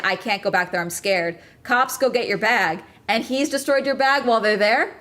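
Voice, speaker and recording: A woman's voice: medium pitch, fairly bright tone. A woman streamer talks loosely over a video she is watching. She rambles, repeats her points and swears casually in a mid-range voice. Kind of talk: casual reaction commentary.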